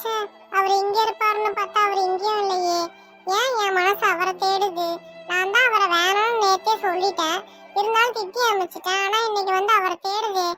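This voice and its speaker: A woman's voice: extremely high pitch, steady tone, brisk, over loud music. A woman with a Tirunelveli Tamil accent voicing a shy young woman in a cartoon, musing to herself about a suitor. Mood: wistful. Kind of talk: cartoon voice acting.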